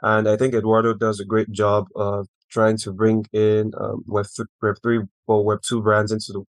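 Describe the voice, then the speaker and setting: Male podcast host, low and monotone, dry close sound. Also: moderate pace, dry recording. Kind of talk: podcast interview, scripted intro.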